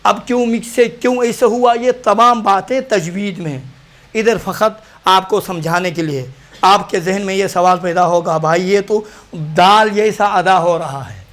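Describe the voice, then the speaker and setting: High-voiced male Quran recitation teacher. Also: a bit bright. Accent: Pakistani Urdu. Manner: demonstrates letters by repeating them, then explains. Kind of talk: practical pronunciation lesson.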